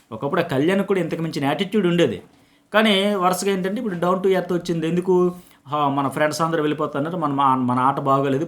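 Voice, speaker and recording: Fast-talking man commentator. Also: fairly high pitch. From Telugu-speaking India. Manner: rapid, emphatic, acts out quotes from the show. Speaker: journalist commentator. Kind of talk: fast reality-show commentary.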